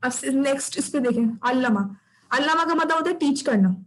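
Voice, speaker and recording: A woman teaches Arabic grammar to an online class in a high, clear voice. She goes over each term slowly and checks that her students follow. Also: poor audio. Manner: patient, repeats terms and checks understanding.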